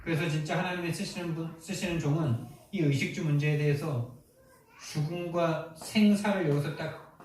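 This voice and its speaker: Brief: male pastor, fairly high voice, emphatic sermon delivery, far from the mic in a roomy echoing church. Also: moderate pace, darkish tone, slight background noise. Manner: emphatic, rhetorical questions to the congregation. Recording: echoey hall from far off.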